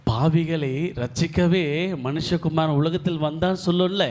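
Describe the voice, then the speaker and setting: A man voicing Jesus in a church puppet show, speaking slowly and gravely like a preacher. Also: fairly high pitch, darkish tone, a little hiss or hum, pitched below the performer's own voice, lightly acted. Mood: solemn. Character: Jesus, calm solemn male voice from offstage.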